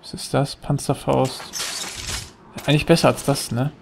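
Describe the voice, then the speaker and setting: A man's voice: mid-range voice, flat delivery, moderate pace, creaky, darkish tone, a little hiss or hum. A man giving casual, chatty commentary while playing a video game, thinking aloud as he goes. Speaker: let's play gamer.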